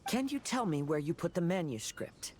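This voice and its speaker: Calm polite swordsman. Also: fairly high pitch, a little hiss or hum. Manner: gentle, measured.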